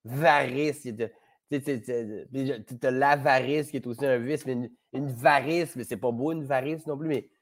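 A man with a Québécois French accent chats casually as a podcast guest, rambling, playful, and swearing freely. His medium-pitched voice is steady in tone and brisk in pace.

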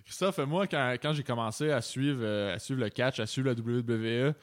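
A man's voice: mid-range voice, moderate pace. A man with a Quebec accent co-hosting an interview, asking questions hesitantly with many fillers. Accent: Quebec French. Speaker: co-host. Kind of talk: casual interview chat.

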